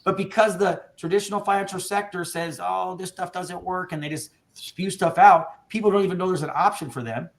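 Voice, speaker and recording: A man who owns an insurance agency, giving an energetic, casual training talk to his agents over a video call, fired up and saying dude and bro. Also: high-pitched, brisk, few pauses.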